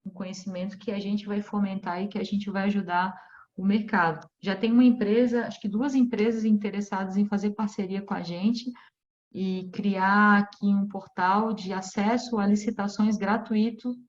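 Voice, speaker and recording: A Brazilian woman hosting an online webinar, inviting questions and explaining the group's plans in quick bursts. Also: mid-range voice, fairly even intonation. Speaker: webinar host and group organizer. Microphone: video call. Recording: dull lo-fi video call audio.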